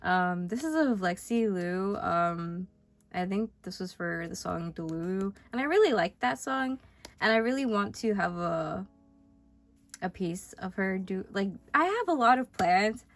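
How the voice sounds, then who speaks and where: A woman's voice: mid-range voice, lively intonation, measured pace. A young woman talks casually through her sketchbook, rambling and cutting herself off. She is sick, and her voice sits in a middling range for a woman. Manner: chatty, rambling, self-interrupting. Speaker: vlogger.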